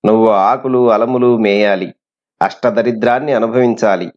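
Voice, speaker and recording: A man's voice: lowish voice, fairly even intonation, normal speed, natural voice. Man doing a defiant young princess, scornful, dull lo-fi sound. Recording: dull lo-fi recording.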